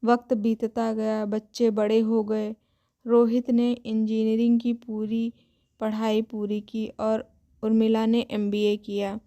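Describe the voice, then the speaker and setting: A woman's voice: on the high side, completely flat delivery, slow, gravelly, warm tone. A woman reading a scripted, emotional family story as a storyteller.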